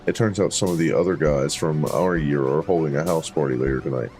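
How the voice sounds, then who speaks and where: A man's voice: very deep voice, a little fast, a little mellow, soft background music. A man hosting a let's play, reading a game's dialogue aloud with playful voices for each character and dropping casual asides. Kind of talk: reading game dialogue aloud while playing.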